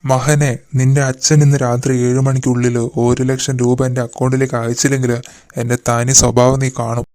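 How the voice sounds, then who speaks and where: ഒരു പുരുഷൻ കാർട്ടൂണിൽ ക്രൂരനായ തട്ടിക്കൊണ്ടുപോകൽ സംഘത്തലവന് ശബ്ദം നൽകുന്നു, പരിഹാസവും ഭീഷണിയും നിറഞ്ഞ സംസാരം. ശബ്ദത്തിന് മുറിയുടെ മുഴക്കമില്ല. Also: male voice, mid-range voice, little pitch movement, a little fast, a little mellow, no echo, studio quality, lightly acted. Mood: menacing. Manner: harsh, mocking, threatening. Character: ruthless male kidnapper boss. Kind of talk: cartoon voice acting.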